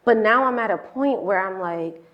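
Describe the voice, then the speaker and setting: A woman hosts a podcast in an easygoing, conversational way. She asks short, quick questions and chats back about her own life in a mid-range voice. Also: medium pitch, dull audio. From Spanish Harlem, New York. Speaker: podcast host. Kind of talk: casual interview chat.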